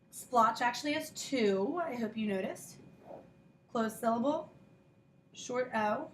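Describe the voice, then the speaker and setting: Lady teacher going over phonics slow and patient, bit far from the mic in an echoey room. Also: medium pitch, a little hiss or hum. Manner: patient, explains step by step, sounds out letters. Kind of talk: recorded phonics lesson.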